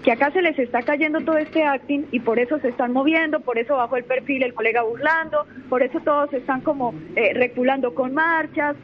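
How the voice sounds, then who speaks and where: A young Colombian woman, a lawyer, speaks in a high-pitched voice, briskly and with hardly any pauses. As a guest on a radio interview she sounds assertive and self-assured, sometimes repeating words as she gathers her thoughts. The radio audio is muffled with faint noise.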